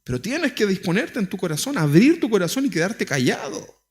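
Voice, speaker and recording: A man's voice: sits high, big pitch swings, fairly quick. A man with a Chilean Spanish accent preaching a sermon as pastor, talking conversationally with many rhetorical questions. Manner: acts out quoted prayers.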